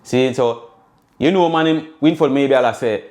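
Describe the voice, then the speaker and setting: A Jamaican-accented man talks through his views in a loose, emphatic patois monologue. His voice sits at a middling pitch for a man, and he keeps nudging the listener along with a short questioning "see?". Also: measured pace, a little mellow. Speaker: host. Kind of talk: casual commentary monologue.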